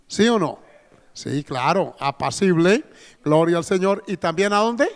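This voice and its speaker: Colombian pastor guy preaching, homey and chatty with the crowd, kinda high voice, echoey church hall. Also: lively intonation, a little slow. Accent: Colombian Spanish. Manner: folksy, asks the congregation questions, frequent "amén" and "gloria al Señor". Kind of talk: sermon.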